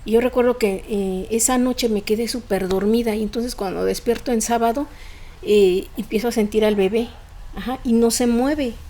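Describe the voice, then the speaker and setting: A woman's voice: on the high side, steady tone, normal speed, mellow. A woman, a podcast guest telling a personal story in conversation, emotional and fluent, with frequent fillers.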